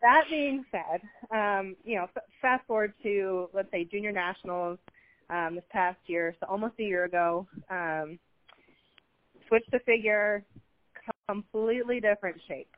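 A woman's voice: mid-range voice, measured pace, no room sound. A woman talking as a guest in a casual chat, rambling and chatty, with easy laughs. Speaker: fitness competitor guest. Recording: slightly dull, dry sound.

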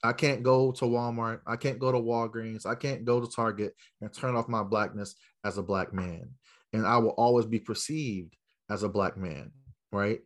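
Answering an interview question before a live audience, an educator from South Central Los Angeles tells a story with emphasis and directs rhetorical questions at his listeners. He speaks at normal speed in a lowish, steady voice.

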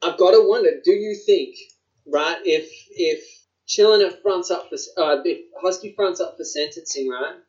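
Aussie guy on a podcast, bit higher voice, swears a lot, slangy casual chat, kinda dull lofi audio. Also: normal speed, darkish tone. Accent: Australian. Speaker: podcast co-host. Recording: dull, lo-fi sound.

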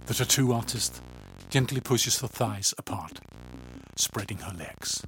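A man reading a story aloud in calm, even scripted narration, often low and hushed. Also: a little slow, over music.

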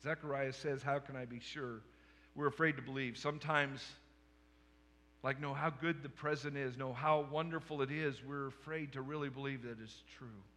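Pastor preaching with bright forceful tone. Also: male voice, medium pitch, fairly even intonation, normal speed, in a large hall. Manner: humorous storytelling that acts out the scenes. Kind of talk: sermon.

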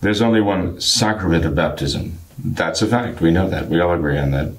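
A man with a low, harsh, gravelly voice from a cold, explaining church doctrine as a priest in an interview, with deliberate, hesitant phrasing. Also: poor audio. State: getting over a cold. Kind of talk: religious discussion, explaining doctrine.

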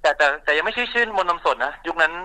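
Bright-voiced man telling stories. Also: a little high, rapid-fire, poor audio. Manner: relaxed, chatty, many fillers and restarts. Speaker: interview guest, family shop owner. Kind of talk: casual interview storytelling.

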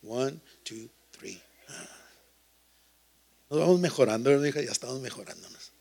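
Joking bilingual pastor with a gravelly voice. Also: male voice, mid-range voice, animated, normal speed, warm tone. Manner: joking, teasing the congregation, switching between Spanish and English. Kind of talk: lively bilingual sermon.

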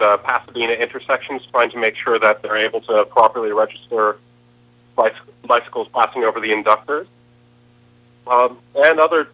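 A man guest on a radio show, speaking in a halting, hesitant way. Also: medium pitch, sharp tone, low-quality recording. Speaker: guest from a bike lab. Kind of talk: casual radio interview.

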